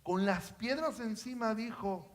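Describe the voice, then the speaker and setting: High-voiced preacher, dynamic sermon. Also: male voice, measured pace, rough recording. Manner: dynamic, swings from hushed to loud, rhetorical questions.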